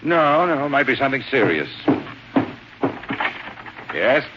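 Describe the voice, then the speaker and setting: An actor playing an earnest, dutiful frontier doctor in a 1940s-style radio play, heard through an old AM radio broadcast. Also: male voice, mid-range voice, unhurried. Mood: calm. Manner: plainspoken, animated delivery. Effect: old AM radio broadcast sound. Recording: muffled, hissy old radio recording.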